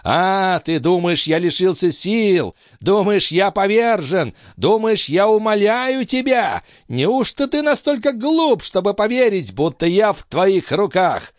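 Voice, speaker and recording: A frail ancient alchemist, quavering old voice, shrill and wrathful, high-pitched, audiobook character. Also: male voice, very animated, measured pace, hardly any pauses, no echo, clean studio sound. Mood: furious. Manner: shrill, raging, shouting outbursts.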